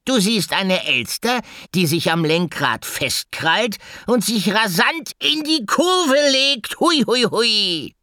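A man doing a squeaky, cheeky magpie girl. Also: slow pace, hardly any pauses, no echo, clean studio sound, full character voice. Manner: giggly, squeaky and excitable. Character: cheeky chattering female magpie, playful show-off. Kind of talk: audiobook character voice.

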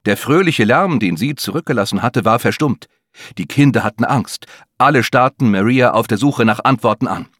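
A male audiobook narrator reads a tense thriller with dramatic delivery. His pitch moves a lot, and the sound is dry and close with no room echo. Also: animated, moderate pace, a bit bright. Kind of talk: scripted narration.

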